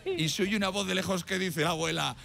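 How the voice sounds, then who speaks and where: A man telling a funny personal story on a morning radio show, animated and laughing at his own jokes. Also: sits high, fairly quick, creaky, soft background music. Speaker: radio comedy contributor. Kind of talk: comic anecdote on morning radio.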